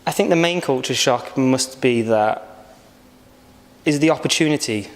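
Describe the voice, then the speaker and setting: A man, giving reflective, hesitant interview answers. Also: mid-range voice. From England. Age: 20s. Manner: reflective, unhurried, hesitant with many fillers. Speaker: backpacker interviewee. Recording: long hall reverb.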